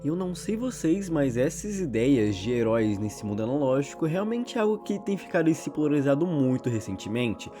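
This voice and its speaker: Over background music, a channel host with a Brazilian accent retells and discusses horror stories in informal, conversational video narration. His slightly high voice swings widely in pitch, and he talks briskly with hardly any pauses.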